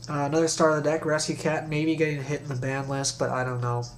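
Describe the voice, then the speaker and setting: A man's voice: a little high, level tone, fast talker. A young man with a stuffy, nasal voice from recent nose surgery, chatting casually and in slang as he hosts a deck review. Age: young adult. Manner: slangy, informal. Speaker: card game video host. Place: small bedroom, indoors. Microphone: webcam or laptop mic at desk distance. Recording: noisy webcam recording with hum.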